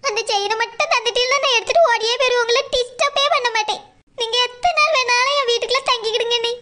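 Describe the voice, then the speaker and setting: A very high, bright, squeaky cartoon voice of a timid village woman, as a woman voices her with a Kanyakumari Tamil accent. She talks fast and pleads and whines without a break. She sounds like a fearful character in a storybook cartoon. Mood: pleading. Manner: pleading, whiny, tearful. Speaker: cartoon voice artist.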